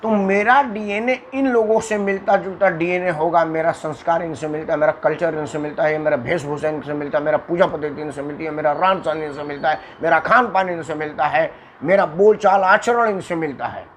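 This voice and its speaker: A man from Uttar Pradesh delivers a long political monologue straight to his viewers, hammering points home with repetition and sudden shifts in intonation. His voice sits a little high for a man. A faint background noise runs under the recording. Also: a little fast, poor audio. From Uttar Pradesh, India. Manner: emphatic, repetitive, demonstrates intonation with dramatic shifts. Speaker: political commentator. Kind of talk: monologue to camera.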